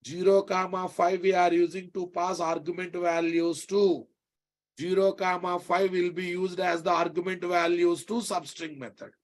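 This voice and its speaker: Telugu indian guy teaching tech class, kinda high voice, says stuff twice, keeps checking you get it. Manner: emphatic, repeats phrases and checks understanding with tag questions. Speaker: programming instructor. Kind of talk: live technical lesson.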